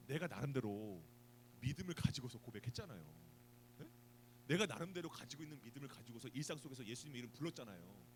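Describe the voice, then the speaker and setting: Lively Korean youth preacher, animated. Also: male voice, a little high, a little hiss or hum, rough recording. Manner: animated, asks the students questions, acts out scenes. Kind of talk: youth sermon. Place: church youth service.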